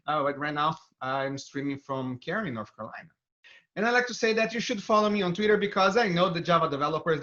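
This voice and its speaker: Bright and forceful, this man's voice sits on the high side. A Brazilian-accented developer advocate, he enthusiastically leads viewers through a live coding demo in an upbeat tech talk, with audio that's dull and band-limited from a video stream.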